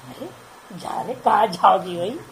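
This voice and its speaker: A woman's voice: mid-range voice, lively intonation, unhurried, creaky, a little hiss or hum, rough recording. A woman spiritual teacher giving an informal religious discourse, chatty and laughing, often checking with listeners through rhetorical questions.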